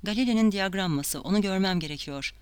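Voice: medium pitch, fast, clean tone, close to an everyday voice. A reader voicing a tense, frightened young woman in an audiobook, speaking insistently. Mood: hushed.

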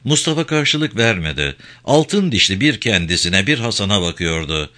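A man narrating a novel as a scripted audiobook, in an expressive storytelling manner. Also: fairly low pitch, normal speed.

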